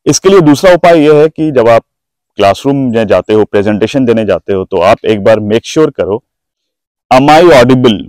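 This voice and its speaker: A man's voice: mid-range voice, animated, a little mellow, no room sound, low-quality recording. A man teaching presentation skills, stretching and stressing single words to show how emphasis works. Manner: drawn-out, stressed words when demonstrating emphasis. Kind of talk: instructional talk.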